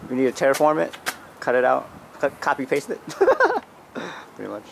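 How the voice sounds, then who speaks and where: A man's voice: mid-range voice, wildly swooping pitch, moderate pace, vocal fry. A man chatting casually and in a rambling, easygoing way as he films a travel vlog outdoors. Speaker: vlogger filming his trip. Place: outdoors at a park lake, on bridges and paths. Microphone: handheld camera mic, speaker behind the camera. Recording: noisy open-air camera recording.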